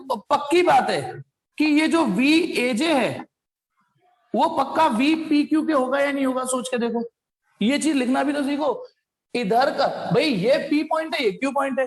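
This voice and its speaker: High-voiced male teacher in an echoey hall. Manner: repeats key phrases, coaxing, calls students "beta". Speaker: physics teacher. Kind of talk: classroom lecture at a whiteboard. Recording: echoey classroom with long reverb.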